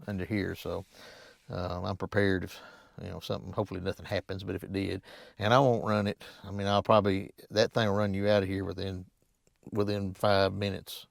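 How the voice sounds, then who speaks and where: A man's voice: on the low side, gravelly, no echo. A man, talking casually and rambling easily while camping, first outdoors on a mountain and then in the back of his truck. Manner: easygoing, rambling, plain-spoken. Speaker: camping vlogger. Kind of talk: casual talk to camera.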